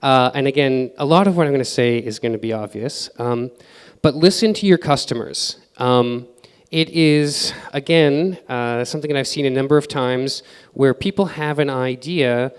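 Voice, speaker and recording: A man's voice: mid-range voice, normal speed, clean tone. Casual man speaking in a reverberant hall. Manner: casual, filler-heavy advice with acted-out quotes. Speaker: conference speaker. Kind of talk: conference presentation. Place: conference hall.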